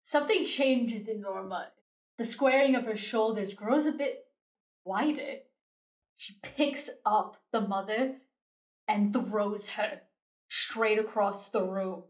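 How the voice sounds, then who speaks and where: A woman's voice: medium pitch, slow pace. A woman narrating a tabletop game as game master, describing the scene in vivid detail. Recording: roomy echo.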